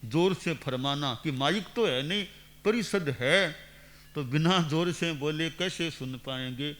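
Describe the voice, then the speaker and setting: A man in his sixties, a monk giving a measured, didactic sermon into a microphone and repeating phrases for emphasis. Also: on the high side, a bit bright. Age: 60s. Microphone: speaking into a microphone.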